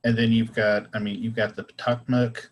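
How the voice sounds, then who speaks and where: A man's voice: medium pitch, flat delivery, normal speed, poor audio. A man with a Southern US accent talking in a casual panel discussion, hesitant and full of fillers and restarts.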